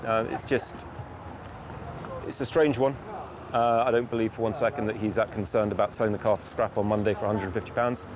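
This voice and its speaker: A male police officer explaining procedure in a firm, measured manner with formal wording, unscripted. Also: lowish voice, steady tone, noisy background.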